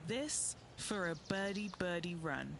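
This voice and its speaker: A man's voice: high-pitched, expressive, a little slow, creaky, background noise. A man giving live golf commentary as an on-course reporter.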